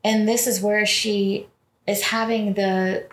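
A woman's voice: mid-range voice, little pitch movement, slow pace. A woman co-hosting a podcast, chatting casually as she recaps a film and acts out the characters' lines. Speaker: podcast co-host. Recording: roomy echo.

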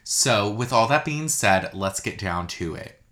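A man's voice: on the low side, expressive, measured pace, sharp tone. Chatty gossiping man in an echoey room. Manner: chatty and gossipy, with many "like" fillers. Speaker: podcast host. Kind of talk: casual solo podcast chat.

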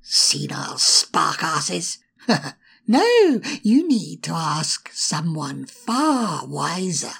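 A woman voicing a sly, spiteful male imp in a storybook, mocking and insulting in a raspy, put-on voice. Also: sing-song, drawn-out words, fairly bright tone, full character voice. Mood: taunting. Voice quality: gravelly, raspy. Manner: mocking, sneering, darts between whispers and shrill taunts. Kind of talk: storybook reading.

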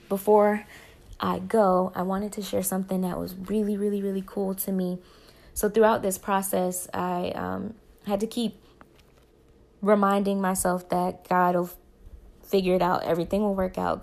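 A woman's voice: medium pitch, level tone, moderate pace, gravelly, a little mellow. A young woman telling a personal story in a casual vlog, rambling and correcting herself as she goes. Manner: rambling, self-correcting, faith-focused. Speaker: vlogger.

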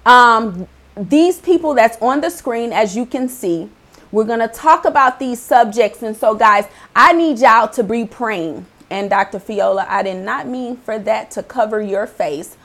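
A woman hosting a faith-based talk show in a chatty, animated way, laughing often. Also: fairly high pitch, unhurried. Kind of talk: casual faith-based chat.

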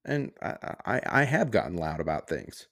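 A man's voice: low voice, sing-song, moderate pace, vocal fry, a bit bright. A podcast host, a man, ranting on his own in a heated, sarcastic and profane way. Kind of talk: casual solo rant.

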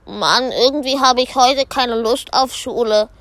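A woman's voice: a little high, unhurried, a bit bright, no echo. A woman voicing a grumpy, bored schoolkid in an amateur fan audio drama, grumbling and impatient.

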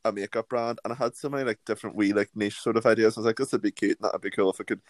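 A man's voice: fairly low pitch, fairly even intonation, rapid-fire, dry recording. A young man and drag performer in his twenties, chatting casually on a podcast, laughing often and swearing casually.

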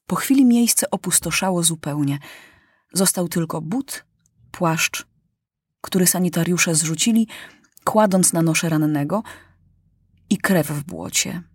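A woman's voice: lowish voice, a little mellow, slightly rough, dry recording. Woman narrating an audiobook, dry. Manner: measured, dramatic narration. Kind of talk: audiobook reading.

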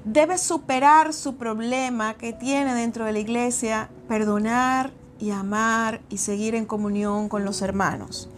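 High-voiced woman sharing a testimony. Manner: earnest, storytelling with frequent restarts. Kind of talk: personal testimony and exhortation.

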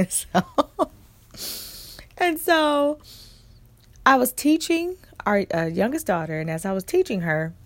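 A woman's voice: mid-range voice, very animated, takes it slowly, long pauses, dry recording. A woman in her thirties telling a personal story in a chatty way, laughing often and acting out what she and others said. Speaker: vlogger. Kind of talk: casual storytelling.

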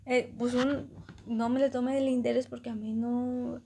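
A young woman with a Mexican Spanish accent tells a friend a story in a casual, animated way, laughing often and acting out the voices of the people involved. Her pitch is fairly high and her pace moderate, with some creak in her voice and a little hiss or hum on the recording.

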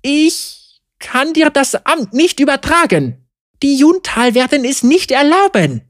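A woman's voice: sits high, big pitch swings, a little slow, no room sound, clean studio sound, voice pushed up. A woman reading an audiobook, voicing a timid, anxious young woman who holds office as prefect, speaking hesitantly and plaintively. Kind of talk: audiobook character voice.

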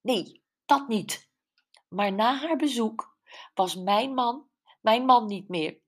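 A woman voicing an upset, bitter woman who rages about her ex-husband in a shrill, agitated voice. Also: takes it slowly. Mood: upset, indignant.

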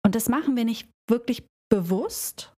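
A woman's voice: on the high side, lively intonation, moderate pace, warm tone. A woman who works as a hairdresser gives reflective self-help advice, speaking directly to the listener and using everyday examples.

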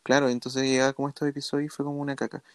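A young man with a Chilean accent, co-hosting a casual podcast, animated and slangy as he tells stories. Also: medium pitch, rapid-fire, clear, resonant tone, no echo. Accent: Chilean Spanish. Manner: animated, acts out quotes, slangy. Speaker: podcast co-host. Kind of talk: casual storytelling chat.

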